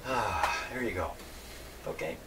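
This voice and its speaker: A hobbyist host repairing vintage radios speaks in a lowish, animated voice at an unhurried pace. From his indoor workshop he casually narrates the hands-on vlog, thinking aloud in a rambling, folksy way, against clear background noise.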